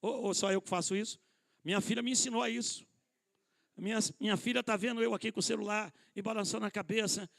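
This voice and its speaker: High-pitched with vocal fry, a middle-aged male pastor preaches a conversational sermon to a church conference in a church hall. Rhetorical questions, jokes about himself and calling the audience brothers all run through his delivery.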